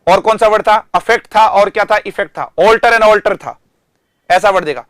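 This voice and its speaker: A male English teacher with a fairly high, crisp and resonant voice, recorded close and dry with no room sound. He explains word meanings in Hindi, slows right down to stress each English example sentence, and keeps asking his students questions before answering them himself. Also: fairly bright tone, no room sound. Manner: addresses students directly, asks and answers himself. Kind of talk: online classroom lecture.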